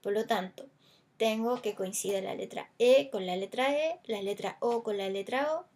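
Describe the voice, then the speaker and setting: A woman's voice: mid-range voice, moderate pace, darkish tone. A Chilean woman teacher explaining a lesson, stretching stressed vowels to demonstrate them and talking things through with small fillers. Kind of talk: recorded language lesson.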